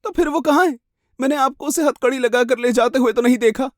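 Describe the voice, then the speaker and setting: A man voicing a frightened but defiant young woman, shaky and urgent, in an animated horror story. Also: very high-pitched, brisk, no room sound, studio quality, voice pushed up.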